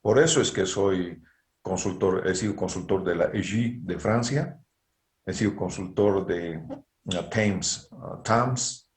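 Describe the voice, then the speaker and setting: A middle-aged man with a Bolivian Spanish accent takes it slowly in a low voice as he lectures university engineering students online by video call. He often asks a rhetorical "¿no es cierto?", and the room is echoey.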